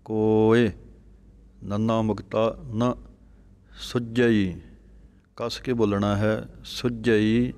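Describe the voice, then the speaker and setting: A young man teaching careful scripture pronunciation, reciting lines slowly word by word and explaining pauses. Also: on the low side, flat delivery, darkish tone, clean tone. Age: young adult. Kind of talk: pronunciation lesson with slow recitation.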